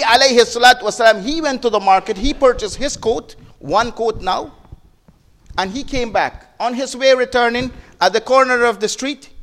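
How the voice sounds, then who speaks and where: A man giving a sermon as a preacher, telling a story with emotive rises and hushed drops, repeating words and restarting. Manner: emotive, rises and drops sharply in pitch and loudness; repeats words and restarts, non-native phrasing.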